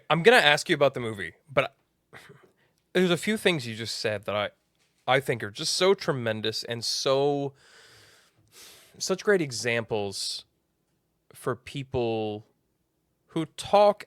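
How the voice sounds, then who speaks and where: A man's voice: medium pitch, a little slow, pauses often, no room sound. Guy hosting a podcast, super enthusiastic, dry close sound. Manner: enthusiastic and effusive, animated emphasis. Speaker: podcast host. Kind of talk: faith-based podcast interview.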